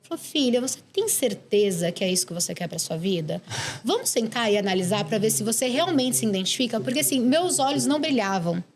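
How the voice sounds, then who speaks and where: Quick-talking woman architect. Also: a little high. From Brazil, interior of São Paulo state. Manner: lively, storytelling with quoted thoughts. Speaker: architect, podcast guest. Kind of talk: storytelling interview.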